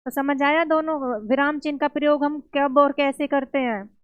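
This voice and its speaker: A woman teaching an exam-prep grammar lesson, explaining slowly step by step and asking and answering her own questions. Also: high voice, steady tone, no echo, lo-fi sound.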